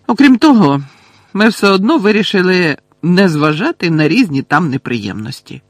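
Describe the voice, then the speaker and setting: A man voicing an unflappable teenage prankster boy who talks calmly and teasingly. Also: high-pitched, moderate pace, no room sound, clean studio sound, pitched above the performer's own voice, exaggerated voice.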